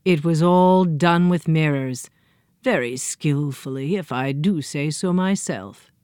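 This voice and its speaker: A woman voicing an evil, scheming male circus clown who talks slowly and gloats. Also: low voice, a little mellow, smooth, no room sound, clean studio sound. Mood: gloating. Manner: slow, gloating, menacing.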